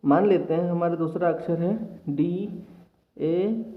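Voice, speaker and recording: A man teaching reading to children in a patient classroom manner, often repeating himself and sounding out letters slowly. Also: fairly high pitch. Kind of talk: classroom lesson. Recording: tinny phone-like audio. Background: children nearby.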